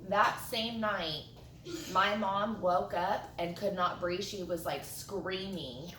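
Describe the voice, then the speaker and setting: A woman telling a spooky story in casual chat with friends, animated, swearing freely and acting out what people said. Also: medium pitch, slow pace. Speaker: friend at a hot sauce tasting. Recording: roomy sound from a distant mic with faint noise.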